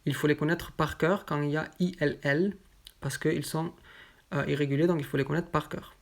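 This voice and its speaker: A woman teaching French pronunciation, saying example words one at a time with careful, deliberate articulation. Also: low-pitched, fairly even intonation. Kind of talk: slow pronunciation lesson.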